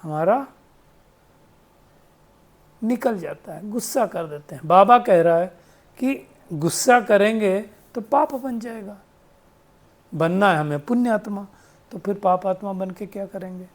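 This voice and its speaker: A man's voice: high voice, measured pace, pauses often. Guy giving a spiritual talk, patient, keeps asking rhetorical questions. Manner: asks rhetorical questions, tag "है ना?"; explains patiently, quotes sayings. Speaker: spiritual teacher. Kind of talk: devotional discourse.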